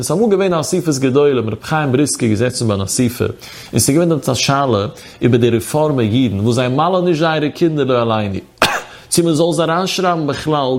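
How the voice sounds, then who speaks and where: Man giving a sing-song Talmudic lecture. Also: medium pitch. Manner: sing-song study chant, quoting texts. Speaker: Torah teacher.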